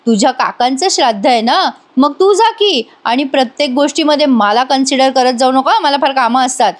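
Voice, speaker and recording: A curt, sarcastic young husband from a serial recap, read out by a woman narrator in her own high voice. He snaps back short and dismissive. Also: moderate pace, natural voice.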